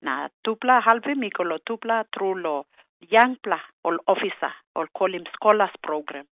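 A woman's voice: mid-range voice, animated, moderate pace, slight background noise. A woman with a Papua New Guinean accent speaking Tok Pisin in a radio news interview. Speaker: agriculture policy officer being interviewed. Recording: narrow phone-like radio sound.

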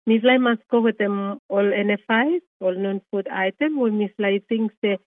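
A woman with a Vanuatu Melanesian pidgin accent speaking haltingly in a radio interview. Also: mid-range voice, no room sound. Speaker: Red Cross manager. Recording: muffled lo-fi radio interview audio.

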